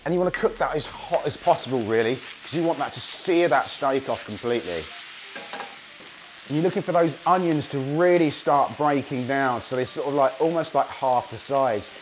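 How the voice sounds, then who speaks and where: A man hosting a casual cooking demonstration, hoarse from a cold, chatting enthusiastically to viewers as he cooks. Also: medium pitch, normal speed, slight background noise. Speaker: cooking show host.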